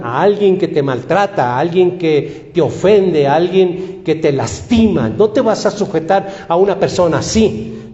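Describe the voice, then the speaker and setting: A man's voice: high-pitched, warm tone. A man preaching a sermon in an emphatic style, asking the congregation repeated rhetorical questions. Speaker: pastor. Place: church hall. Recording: echoey church hall, dull lo-fi sound.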